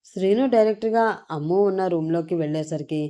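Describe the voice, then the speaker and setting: Woman narrating a story in a mellow voice. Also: on the low side, fairly quick. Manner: steady, plain narration.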